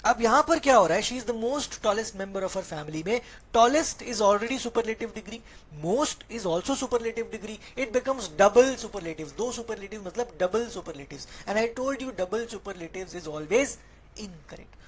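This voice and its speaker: A woman's voice: mid-range voice, lively intonation, takes it slowly, slightly rough. A woman with an Indian accent teaching English grammar in an online class, switching between Hindi and English and putting questions to her students. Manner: explaining patiently, asking students questions and reading their chat.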